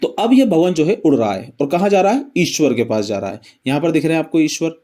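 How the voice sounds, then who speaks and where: A male teacher a slightly high but soft, mellow voice explains geography through memory-trick stories. He quizzes his viewers again and again and then answers for them, speaking in in. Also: big pitch swings, quick pace. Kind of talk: animated mnemonic geography lesson.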